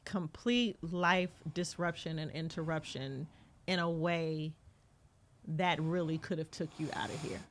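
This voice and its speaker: A woman co-hosting a podcast, lively and encouraging, drawing out her guest's story with easy laughter. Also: low-pitched, measured pace, a little hiss or hum. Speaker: podcast co-host. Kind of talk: casual podcast interview.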